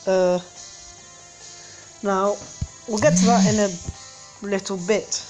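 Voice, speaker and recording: This game channel host talks slowly in a flat, slightly mellow medium-pitched voice, soft music behind her. Commentating casually on gameplay indoors at home with a street outside, she wanders through her thoughts with frequent hesitations and self-corrections.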